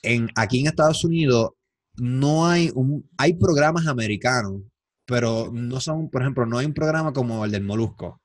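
A man with a Puerto Rican Spanish accent, hosting a podcast in a casual, opinionated chat with quick asides. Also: medium pitch, no echo, clean studio sound. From Puerto Rico. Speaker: podcast host. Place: lives in the United States.

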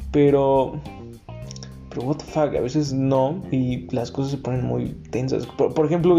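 A man's voice: medium pitch, vocal fry, dark tone. A young man with a Mexican accent telling stories in a crude, joking, slang-heavy monologue. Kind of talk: casual storytelling monologue.

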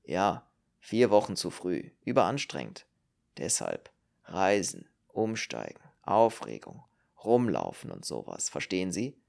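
A man's voice: low voice, big pitch swings, measured pace, vocal fry, darkish tone, voice pushed down, heavily acted. A man voicing a world-weary, cynical male politician with dry, sardonic remarks in an audiobook. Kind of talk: audiobook character reading.

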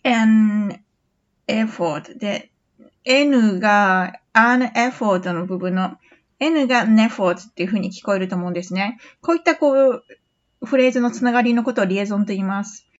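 A woman hosting a podcast English lesson, patiently repeating phrases slowly for practice. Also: medium pitch, lo-fi sound. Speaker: English teacher.

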